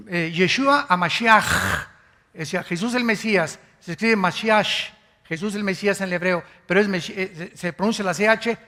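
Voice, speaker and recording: An older man preaching in a large hall, his high voice carried by a long reverb. He teaches emphatically, spells out words letter by letter and throws rhetorical questions at the congregation. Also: fairly bright tone. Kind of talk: sermon.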